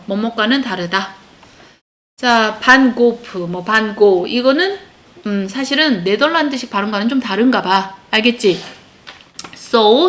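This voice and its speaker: A woman with a somewhat high, sharp-toned voice teaches English to a class of children. She explains a text line by line and frequently checks that her pupils are following.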